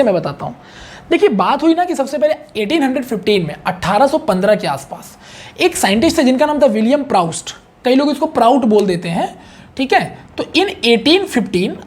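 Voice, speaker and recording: A male chemistry teacher giving a casual online exam-prep lecture, chatty, repeating key points and checking in often with his students. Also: very high voice.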